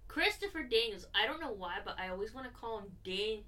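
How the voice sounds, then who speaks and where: A woman's voice: fairly high pitch, animated, fairly quick, bright, forceful tone, far from the mic. A woman co-hosting a podcast in casual, profane, sarcastic chat, laughing often. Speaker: podcast co-host reviewing wrestling.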